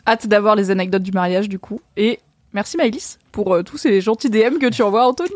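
A woman's voice: medium pitch, quick pace, no echo. A woman hosting a casual podcast chat, playful and dropping English phrases into her talk. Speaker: podcast host.

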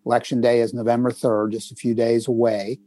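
A podcast co-host at home in northern Kentucky keeps things chatty, telling stories and plugging future segments amid lots of filler words. His medium-pitched voice is mellow and brisk with little pitch movement, and there's no room sound.

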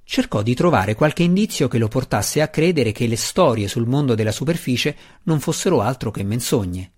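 A man's voice: medium pitch, animated, normal speed, darkish tone. Man narrating a fantasy audiobook.

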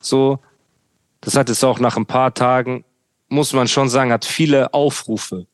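A young man hosts a casual podcast, ranting with biting sarcasm and plenty of street slang. His voice sits at a middling pitch, and the recording is dry with no room sound. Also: steady tone, a little slow, dry recording. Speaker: podcast host.

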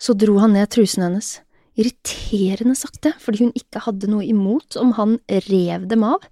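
A woman narrating an erotic audio story in a soft, often whispered voice, recorded on a close mic. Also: mid-range voice, dry recording.

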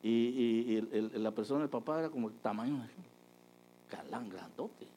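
A man preaching a testimony, telling a story with lively energy and acting out the people he quotes. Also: mid-range voice, moderate pace, a little hiss or hum, poor audio. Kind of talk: sermon testimony.

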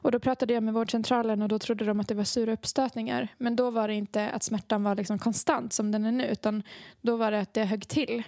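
A young woman chatting casually, telling a story with plenty of laughter and little acted-out exchanges. Her voice sits on the higher side. The recording is dry and close. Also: few pauses, no echo. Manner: animated storytelling, acting out quoted dialogue, frequent laughter. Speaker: podcast co-host, songwriter. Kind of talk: casual chat.

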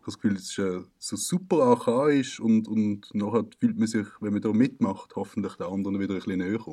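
Young Swiss German guy, relaxed dark tone, animated slangy banter. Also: lowish voice, quick pace. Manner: animated, slangy storytelling with laughs. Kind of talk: casual chat.

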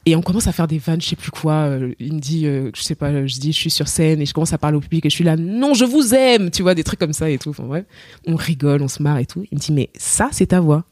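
Her voice is low, steady and a little mellow, and she talks quickly. She's a singer from Cameroon on a podcast, recounting her story informally and performing the voices she quotes, with clean studio sound and no room sound.

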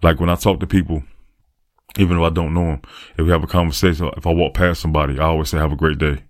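A man's voice: deep voice, steady tone, racing, no room sound, studio quality. A man talking through a reflective, earnest podcast monologue, repeating phrases for emphasis. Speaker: podcaster and aspiring motivational speaker.

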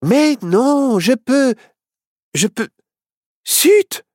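Storybook: a boastful little witch girl, very high and squealing, as a woman reads her, slow, dry sound. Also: expressive, no room sound. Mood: boastful, excited.

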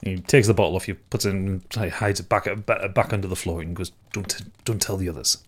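A man's voice: sits low, fairly even intonation, quick pace, slight background noise. A man narrating as game master of a tabletop game, loose and full of fillers and restarts.

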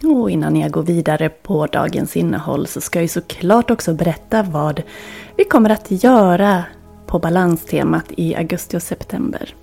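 A woman hosting a wellness podcast, talking in a calm, reflective, instructive way that sometimes drops to near-whispers. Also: lowish voice, creaky, husky. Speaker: podcast host and wellness coach.

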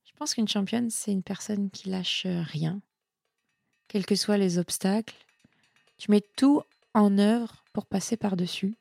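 A woman speaking as a sports nutritionist guest in a casual interview. She is chatty and lively and often repeats words while she thinks. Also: mid-range voice, a little slow, gravelly, no echo, studio quality. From Italian heritage.

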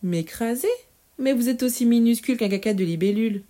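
A woman's voice: fairly high pitch, fairly quick, dark tone, voice pushed up, close to an everyday voice. A woman doing a cheeky little boy. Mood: teasing. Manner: cheeky, teasing.

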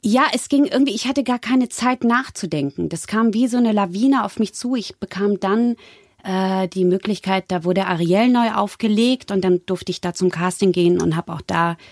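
A Swedish-born voice actress chatting casually in an interview, telling animated anecdotes about her work. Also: medium pitch, normal speed, no room sound, studio quality. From Sweden. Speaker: voice actress guest. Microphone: studio microphone.

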